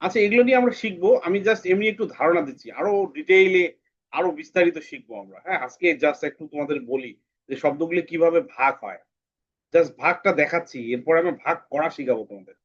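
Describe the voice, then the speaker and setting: Man teaching slowly, lo-fi sound. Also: fairly high pitch. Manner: patient, repeats words slowly syllable by syllable. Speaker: English teacher. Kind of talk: online class for children. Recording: dull lo-fi sound.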